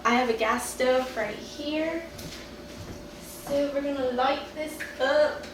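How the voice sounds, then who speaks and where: Giggling often and unhurried over every word, this bubbly Miami woman in her twenties talks through her cooking demo as a show contestant. Her voice is a little high and a bit bright, recorded from afar in a noisy, echoey home kitchen.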